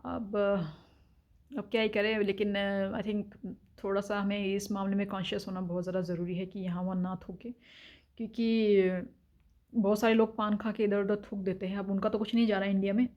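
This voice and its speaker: A woman from India vlogs casually from her home in Denmark, speaking frankly and sharing opinions with plenty of filler sounds. Her mid-range voice is brisk and flat, and the recording's highs are cut off.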